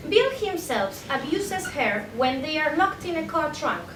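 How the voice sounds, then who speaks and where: Very animated, with a fairly bright tone and a measured pace, a young PhD candidate from Spain carefully reads her academic paper aloud at a conference, occasionally tripping over words and fixing them. The indoor recording is echoey, taken from a distant mic, with a faint rumble.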